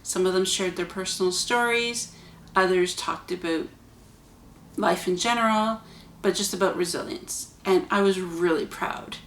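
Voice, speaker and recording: A woman's voice: on the low side, a little slow, fairly bright tone. Earnest woman vlogger in an echoey room. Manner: conversational, earnest, chatty asides. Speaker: vlog host. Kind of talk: casual spoken reflection to camera.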